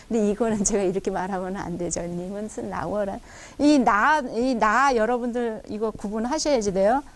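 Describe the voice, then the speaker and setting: Female instructor for an online lesson, mid-pitched, slow modeled drills, quick explanations. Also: a little mellow. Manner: repeats drill sounds slowly and drawn out, then explains quickly. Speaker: Chinese language teacher. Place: recorded for an online class video.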